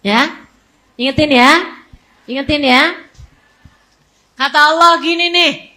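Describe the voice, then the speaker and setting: Brief: a high-voiced woman preacher in her forties, from West Java, casual and emphatic. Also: slow pace, poor audio. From West Java, Indonesia. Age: 40s. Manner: emphatic, repetitive, animated storytelling. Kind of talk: casual sermon.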